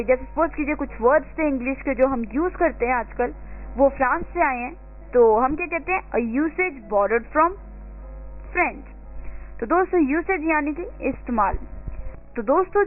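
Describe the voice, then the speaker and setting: High-voiced Indian woman teaching vocabulary. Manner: explains in Hindi, reads English words and examples slowly, spells letter by letter. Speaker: radio host teaching English vocabulary. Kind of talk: radio vocabulary lesson. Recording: phone-like lo-fi radio audio with faint music.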